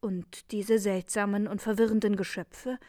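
A woman's voice: mid-range voice, little pitch movement, normal speed, darkish tone, no room sound, natural voice. A woman voicing an earnest, indignant young prince in a read-aloud fairy tale, in her own voice. The room sounds dry.

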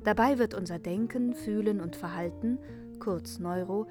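A woman calmly reading out a scripted explanation and then a fairy tale as narrator. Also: medium pitch, moderate pace, music in the background. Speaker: narrator and teacher.

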